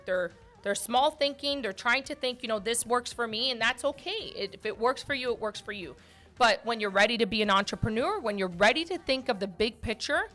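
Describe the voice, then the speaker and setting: Woman, forties, podcast host, emphatic, repetitive, bright clear voice, slightly high. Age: 40s. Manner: emphatic, repeats points, ends lines with "right?". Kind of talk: casual motivational chat.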